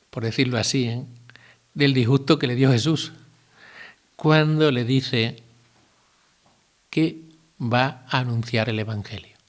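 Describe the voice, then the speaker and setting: A man, giving a relaxed retreat talk as a priest, asking his listeners questions and adding asides. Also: medium pitch. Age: 50s. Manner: conversational, asks listeners rhetorical questions, adds asides and jokes.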